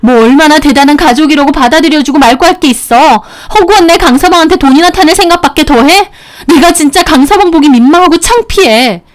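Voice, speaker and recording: A woman's voice: high voice, fairly quick, voice pushed up, lightly acted. A woman voicing an exasperated young wife who argues back with her family in a dramatized story reading. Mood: indignant. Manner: indignant, raised voice.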